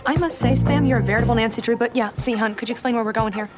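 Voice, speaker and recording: An actress playing a catty, bossy teen queen with a fairly high voice. Her lines come out sharp and theatrical over heavy music in a TV comedy-drama. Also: racing, lightly acted. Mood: snide.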